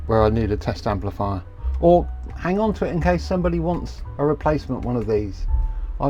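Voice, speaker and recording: A man's voice: mid-range voice, a little mellow, lo-fi sound. Chatty self-mocking man at the workbench. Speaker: electronics repair video host. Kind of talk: casual workbench narration.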